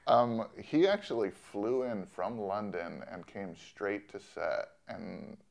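A man in his forties, a film director, speaking thoughtfully in an interview with many pauses and restarts. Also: lowish voice, animated, creaky. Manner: soft-spoken, thoughtful, with many ums and restarts. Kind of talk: interview conversation. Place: studio in Los Angeles.

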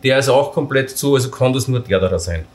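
A man's voice: medium pitch, expressive, fairly quick. A man casually walking through assembling camping gear step by step, talking while he handles the parts and poking fun at his own mistakes. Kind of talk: hands-on assembly tutorial. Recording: roomy echo with faint noise.

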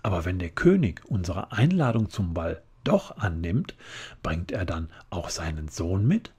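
A man voicing an excited young vampire girl who pleads eagerly, in a relaxed ASMR story reading. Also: sits low, a little slow, husky, exaggerated voice.

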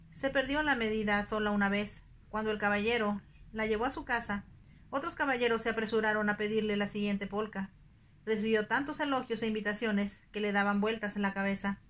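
A woman narrating a novel in a soft ASMR audiobook style, calm and even. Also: mid-range voice.

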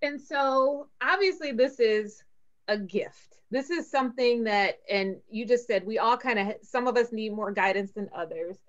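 Woman, podcast co-host, giggly, casual, fairly high voice, lo-fi sound. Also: moderate pace. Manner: giggly, chatty, loose and informal. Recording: dull lo-fi sound.

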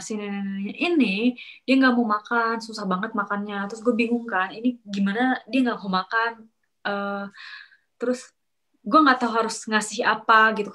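Sharing a work experience in a casual, confiding chat, a young woman with a fairly high voice gets animated as she imitates her coworkers with sudden jumps in pitch. She is talkative and slangy, often restarting sentences and using plenty of fillers.

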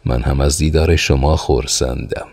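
A man voicing a thoughtful, well-informed young man in an audiobook, explaining things calmly and evenly. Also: a bass voice. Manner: calm, measured explaining.

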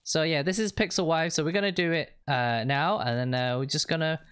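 A man's voice: fairly high pitch, fairly even intonation, fairly quick, fairly bright tone, clean tone, no echo, studio quality. A man hosting a gaming channel, chatting upbeat and thinking aloud as he plays a co-op game. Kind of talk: co-op gameplay commentary. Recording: game sound and gunfire behind the voice.

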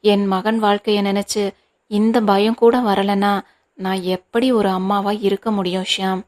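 A worn-out, loving mother soothes her son in a soft, tired way, as a woman reads her part in an audiobook. The voice stays level and even. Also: medium pitch, measured pace, natural voice. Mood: reassuring. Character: worried, tender mother reassuring her son.

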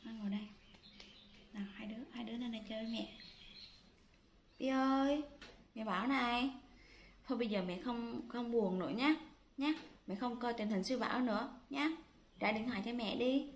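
A woman's voice: on the high side, a little fast, long pauses, slight background noise. Coaxing woman in an echoey room. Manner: cajoling and affectionate, talks to pets like small children. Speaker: pet owner filming her monkeys. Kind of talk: coaxing chat with pets. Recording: echoey room with faint music.

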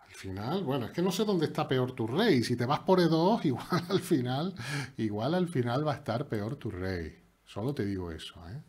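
A man commentates his own live chess game, his slightly husky voice swinging widely in pitch as he jokes. He teases his opponent and chats to his viewers in a playful, animated way. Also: normal speed. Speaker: chess streamer. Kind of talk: live commentary while playing online chess.

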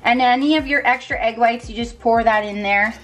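Woman, 30s, high bright pitch, casual cooking vlogger, home kitchen, camera close. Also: fairly quick. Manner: chatty, upbeat, talks while cooking. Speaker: vlogger sharing meal prep. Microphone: handheld camera held close.

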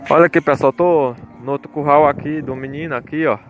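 A man gives casual walkaround commentary at a cattle fair, filming the outdoor pens on his phone while crowd chatter fills the market around him. He speaks briskly in a fairly high voice with fairly even intonation, chatty and repetitive, forever calling out to his viewers, and the sound is muffled.

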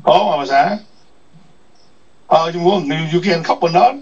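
In an online chat room, a man rants with a somewhat high, unhurried voice that has a breathy edge. He is foul-mouthed and scolding, cursing and firing off the same taunting questions repeatedly. The mic sounds distant, muffled and lo-fi.

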